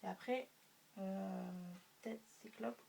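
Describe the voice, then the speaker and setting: A woman's voice: mid-range voice, slow, vocal fry. Hesitant woman retelling a story. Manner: hesitant, many fillers, spoken sound effects. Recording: faint room noise, mic a bit distant.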